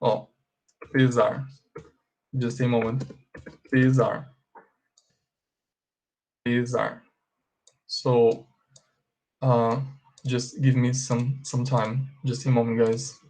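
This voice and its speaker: A man with a Brazilian Portuguese accent teaching English grammar, asking and answering his own questions and drilling example sentences slowly. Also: mid-range voice, level tone, darkish tone. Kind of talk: bilingual grammar lesson.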